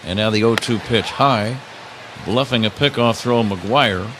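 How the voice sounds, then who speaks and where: Speaking a little slowly in a fairly low voice, an older man calls a baseball game live for radio from the stadium booth. His play-by-play drifts into casual banter, and the surrounding ballpark noise comes through clearly.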